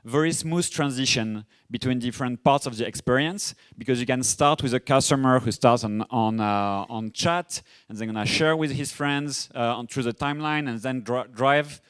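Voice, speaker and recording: A young man from France with a strong French accent, giving a casual, fast-paced conference masterclass. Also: mid-range voice, a bit bright, clear, resonant tone. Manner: fast, casual, self-deprecating, with filler restarts. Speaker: conference speaker. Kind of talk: masterclass presentation.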